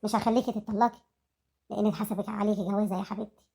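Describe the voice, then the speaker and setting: A woman playing a motherly older woman calmly advising a younger one, with an Egyptian accent. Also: mid-range voice, racing, gravelly, husky. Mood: soothing. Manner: soothing, advising.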